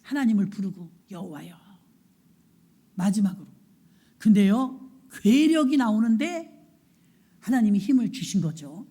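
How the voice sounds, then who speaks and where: A woman's voice: fairly high pitch, sing-song, normal speed, dark tone, slightly rough. A woman pastor preaching a sermon, telling a story dramatically and asking the congregation rhetorical questions.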